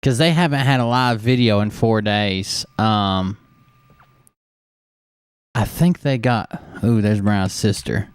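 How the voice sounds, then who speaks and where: A man's voice: fairly low pitch, slow pace, pauses often, clean tone, dry recording. Blunt swearing man hosting. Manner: blunt, mocking, swears freely. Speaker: show host reacting to a clip. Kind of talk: casual profane commentary.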